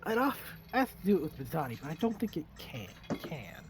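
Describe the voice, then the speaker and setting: A man's voice: a little high, sing-song, a little fast, slight background noise. A man playing in a tabletop game, chatty and helpful to the group. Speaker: player. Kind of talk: casual tabletop play.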